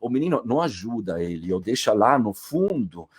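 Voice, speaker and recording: A man casually retelling a classic tale aloud, animated and playful. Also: lowish voice, normal speed, husky. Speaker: storyteller.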